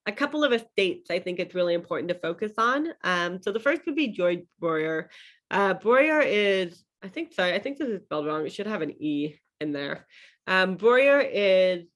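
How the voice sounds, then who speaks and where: A woman's voice: medium pitch, lively intonation, moderate pace. Young woman, wine class instructor, casual and loose, fillers and restarts, mid-range voice, computer mic. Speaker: wine educator. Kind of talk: online wine class lecture.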